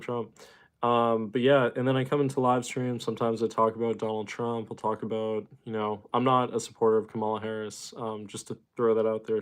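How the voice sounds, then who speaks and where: A man's voice: mid-range voice, smooth. A young man from Boston hosting a casual livestream, greeting chatters and rambling with lots of fillers. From Boston, Massachusetts. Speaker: livestream host. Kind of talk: casual livestream chat reading viewer comments.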